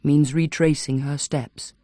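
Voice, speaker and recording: Steady, soft-spoken man, put on by a female narrator, lowered deep voice, unhurried and coaxing. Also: dry recording, clean studio sound. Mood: calm. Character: calm steady man guiding a hypnotized patient.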